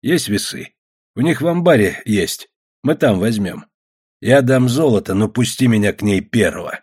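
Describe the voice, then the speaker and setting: Brief: man voicing a big, mocking anarchist villain, slow sneering menace, husky. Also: mid-range voice, expressive, darkish tone. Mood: scheming. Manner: sneering, drawn-out threats.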